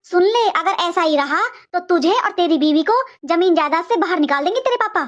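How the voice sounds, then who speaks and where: A woman's voice: extremely high pitch, animated, fairly quick, highs cut off. A woman playing a talkative middle-aged mother-in-law who scolds sharply but cares about her family. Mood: scolding.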